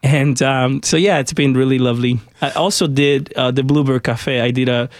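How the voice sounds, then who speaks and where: A man's voice: medium pitch, fairly even intonation, moderate pace, no echo, clean studio sound. A man from Honduras, a guest musician on a radio interview, talking in a friendly, chatty way with many fillers.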